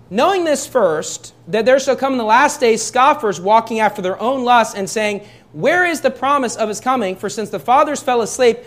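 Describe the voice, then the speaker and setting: A young adult pastor preaching a sermon in a church, talking conversationally and asking his listeners rhetorical questions. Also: very high voice.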